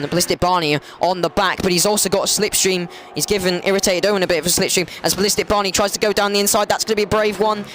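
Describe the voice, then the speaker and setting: Excitable man commentating a sim race. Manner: excitable, rambling, self-correcting, gets loud and high during crashes. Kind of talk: online sim racing commentary.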